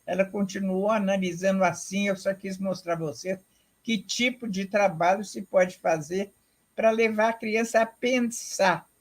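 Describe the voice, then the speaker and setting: In an academic lecture, a woman explains things slowly and deliberately, repeating points and checking in with her listeners. Her voice is medium-pitched and steady.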